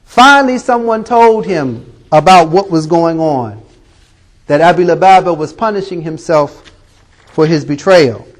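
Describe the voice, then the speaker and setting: Animated man retelling a sermon story. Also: on the high side, a little slow. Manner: animated retelling, reverent honorifics. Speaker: preacher.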